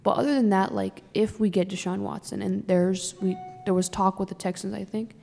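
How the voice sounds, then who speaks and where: A young woman talks casually about her team, her words tumbling out in long, emotional runs packed with "like". Her voice has a gravelly fry to it. She sits in a reverberant room, and the sound trails off with a long echo. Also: mid-range voice, level tone, fairly quick, dark tone, soft background music. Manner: rambling, emotional, many "like" fillers. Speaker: sports fan podcast co-host. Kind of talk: casual chat.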